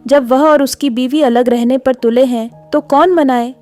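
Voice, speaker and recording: A woman's voice: high voice, steady tone, unhurried, a little mellow, no echo, faint music behind. A woman reading a proud, wounded village stepmother. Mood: resentful. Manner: brusque and resentful.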